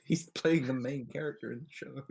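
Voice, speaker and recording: A man's voice: medium pitch, steady tone, normal speed, vocal fry, a little mellow, breathy edge, low-quality recording. A young man co-hosting a podcast, chatting casually with wry, sweary remarks. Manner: wry, sweary, brief interjections. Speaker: podcast co-host. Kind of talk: casual chat.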